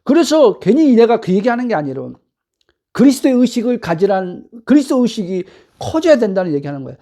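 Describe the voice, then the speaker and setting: A woman pastor delivering a sermon at home, pressing the congregation with rhetorical questions and rising to near-shouts for emphasis. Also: on the high side, very animated, quick pace.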